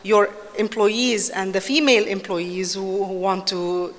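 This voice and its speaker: A woman's voice: mid-range voice, steady tone, measured pace. A woman speaking as a panelist on a conference stage, assertive and listing points, into a handheld mic. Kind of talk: panel discussion answer. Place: large conference hall stage. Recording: reverberant hall.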